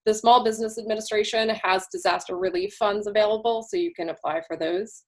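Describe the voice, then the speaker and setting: A woman's voice: medium pitch, fairly even intonation, brisk. A woman council member giving an informal, wandering report over a video call, her voice worn from a long day. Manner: informal, wandering, many restarts. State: losing her voice.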